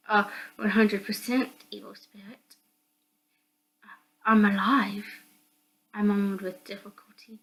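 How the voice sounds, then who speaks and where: Over background music, a woman narrates a visual novel game dramatically as the host of a read-through. Her voice is medium in pitch and a bit bright, captured in a rough recording.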